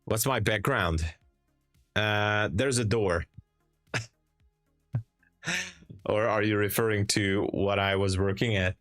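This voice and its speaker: Hungarian-accented man, young, live-stream trader, laid-back unhurried talk, dry close sound. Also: on the low side, fairly even intonation, fairly bright tone, no room sound, soft background music. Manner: chatty, laughing, frequent restarts while reading chat. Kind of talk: casual live-stream chat answering viewers. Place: home trading room. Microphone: headset.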